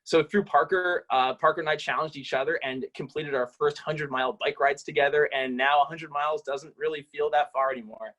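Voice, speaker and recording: A man's voice: on the high side, steady tone, a little fast, hardly any pauses, a bit bright. Enthusiastic man in his twenties. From Washington State. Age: 20s. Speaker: team member. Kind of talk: casual team introduction.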